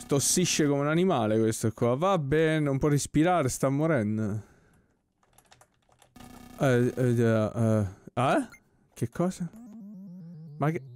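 A man giving casual let's-play commentary, relaxed and puzzled, with joking asides about what happens on screen. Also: mid-range voice. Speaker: gameplay commentator. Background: soft game music.

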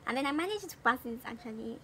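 A Nigerian-accented woman in her twenties chats animatedly as a beauty vlogger during a makeup tutorial, her voice on the high side, expressive and sharp as she talks fast. She's in a small room at home, and the recording carries noticeable background noise.

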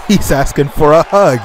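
A man doing excited play-by-play commentary over a wrestling video game, exclaiming and gasping as his voice leaps up. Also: on the high side. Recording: loud game music and crowd noise. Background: game music and arena crowd.

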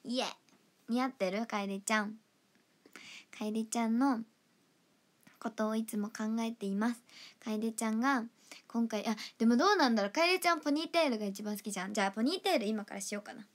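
A young woman hosting a casual livestream, chatting warmly with fans and reading their comments, sometimes dropping to a soft whisper. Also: a little high, brisk. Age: young adult. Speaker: idol livestream host.

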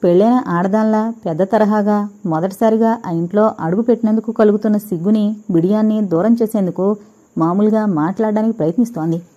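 Mellow-voiced woman narrating an audio novel. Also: medium pitch, brisk, muffled recording. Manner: reads all characters' dialogue herself with gentle shifts. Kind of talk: dramatic audio novel reading.

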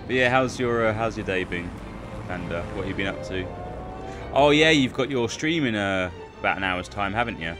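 A man's voice: lowish voice, fairly quick, over music. A man casually chatting with viewers while streaming a game, laughing easily. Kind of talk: casual chat while playing.

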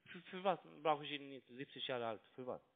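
Brisk and medium-pitched, a man speaks on a tinny phone line. He's a call center trading broker from an Italian upbringing, first language Italian, and his broken German comes across as pushy and mocking.

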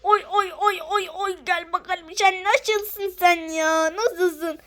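Old grandmother, doting, cooing, high voice, voiced by a woman, toy-play story. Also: fairly even intonation, slow, fairly bright tone, heavily acted. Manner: crooning "oy oy", smothering with affection.

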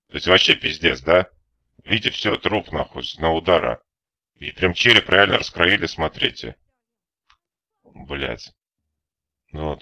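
A man's voice: rumbling low, sharp tone, no echo. A man giving rambling, profanity-filled commentary while playing a game, irritated and ranting. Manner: constant swearing, rambling and irritated. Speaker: gameplay commentator. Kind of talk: profane let's-play commentary.

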